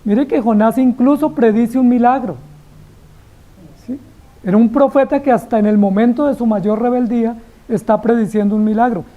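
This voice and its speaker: A woman's voice: a little high, moderate pace, phone-quality sound. A woman preaching an expository sermon, dramatically acting out biblical dialogue and firing rhetorical questions at the congregation.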